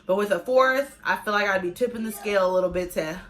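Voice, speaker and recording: Talking quickly at a medium pitch, this young pregnant mother and family vlogger chats conversationally with her viewers about her pregnancy. She repeats things to stress them.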